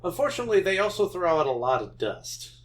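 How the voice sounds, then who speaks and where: A man's voice: high-pitched, very animated, fast talker, low-quality recording. A man doing a speedrun, chatting casually and calling out his progress in the game. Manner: calls out game progress between chatty asides. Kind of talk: casual chat while playing.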